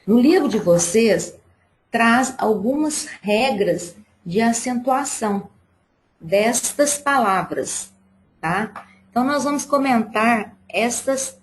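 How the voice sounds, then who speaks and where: Slow, patient woman teaching children. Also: a little high, expressive. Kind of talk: live online class for children.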